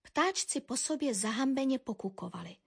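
A woman narrating a children's animal story with a lively, expressive reading. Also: vocal fry, breathy edge. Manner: lively expressive reading, dropping low for asides.

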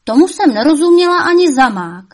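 A woman's voice: high voice, sing-song, pitched above the performer's own voice. A woman voicing the devil's old mother, a cunning woman who scolds shrilly and coaxes sweetly. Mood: coaxing.

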